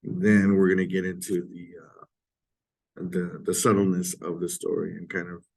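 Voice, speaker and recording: A man giving an informal recorded literature lecture in a halting way, often clearing his throat, his voice hoarse and giving out from a sore throat. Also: sits low, little pitch movement, darkish tone.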